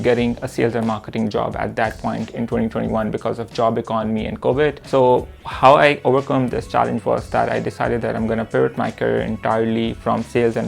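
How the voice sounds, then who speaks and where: Soft music plays beneath this reflective self-introduction to camera, in which a young product manager and course instructor from Pakistan describes his career. His mid-range voice has a gravelly edge, and his earnest, measured delivery is dotted with frequent "uh" pauses while he finds his words.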